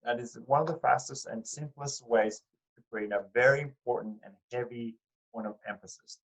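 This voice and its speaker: Heard through poor audio, a man with a medium-pitched, fairly bright voice leads an art class at normal speed. He addresses his students directly and conversationally, posing frequent questions amid fillers and restarts.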